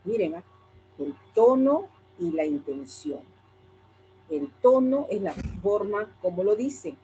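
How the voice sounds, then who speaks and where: Peruvian woman teacher, dark and mellow. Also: mid-range voice, expressive, slow pace, highs cut off, slight background noise. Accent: Peruvian Spanish. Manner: asks and answers her own questions. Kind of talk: lecturing a class.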